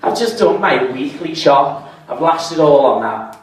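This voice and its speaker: A man doing a stand-up set, deadpan at times and rising into exasperated rants. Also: a little high, measured pace. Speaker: stand-up comedian. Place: comedy pub venue with audience. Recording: echoey room, voice from far off.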